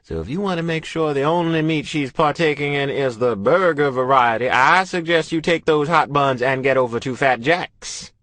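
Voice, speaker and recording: A man's voice: on the high side, moderate pace, few pauses, fairly bright tone, dry recording, pitched above the performer's own voice, close to an everyday voice. A man voicing a flamboyant, theatrical male hairdresser who teases and dramatizes every line, in an audiobook. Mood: teasing flamboyant. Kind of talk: audiobook character voice.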